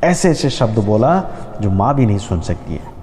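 A man narrating a moral story in an expressive, dramatic storytelling manner. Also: lowish voice, normal speed, long reverb tail, slight background noise.

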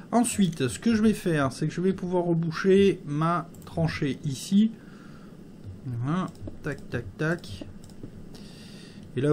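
A man's voice: medium pitch, a little mellow, slight background noise. Hesitant man narrating a game. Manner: thinking aloud with many hesitations. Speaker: gameplay commentator. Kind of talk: let's play commentary.

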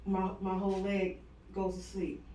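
A woman's voice: medium pitch, completely flat delivery, normal speed, warm tone. A woman vlogger talking through a face mask in casual storytelling, with a blunt, plain-spoken manner. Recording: noisy background.

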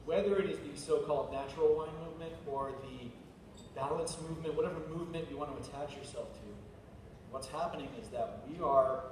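A man speaking as a sommelier on a panel, thoughtful and rambling with many restarts. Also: on the high side. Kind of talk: panel discussion. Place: large glass-walled event hall. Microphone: far camera. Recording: echoey hall from far off, noisy.

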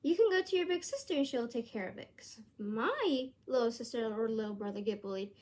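A woman's voice: on the high side, animated, a little fast, darkish tone. A woman vlogging to her channel in a rambling, earnest way, full of hesitant restarts. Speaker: YouTuber. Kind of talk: casual vlog monologue.

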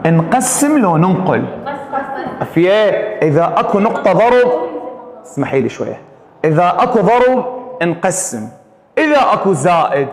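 This high-pitched man, heard with a big-room sound, gives a math lecture in an Iraqi Arabic accent. He quizzes his students, firing questions and repeating them so the class answers in call-and-response.

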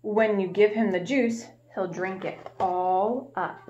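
A young woman reads a picture book aloud to small children, warmly asking questions and leaving pauses like a preschool teacher. Her pitch is medium. Recorded in a small room at home on a webcam at arm's length, the audio is dull with faint hiss or hum.

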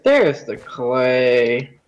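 A man's voice: mid-range voice, very animated, extremely slow, muffled recording, a little hiss or hum. A man playing a co-op game, bantering and teasing in a contrary, joking way. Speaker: gamer. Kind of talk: co-op gameplay chat.

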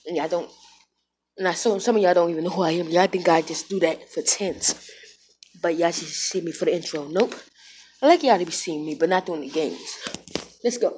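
A woman's voice: fairly low pitch, brisk, a little mellow, a little hiss or hum. A woman hosting a reaction video in casual chat.

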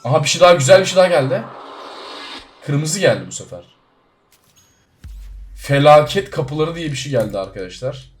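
A man giving casual, excitable commentary while playing a game, talking straight to his viewers and swinging between loud surprise and low muttering. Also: moderate pace, long pauses, faint music behind. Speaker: gaming YouTuber.

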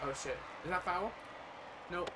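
A young man giving casual, profane commentary on his own gameplay from a small room, rambling and often breaking into loud yells. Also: high-pitched, unhurried, over music. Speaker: gaming streamer.

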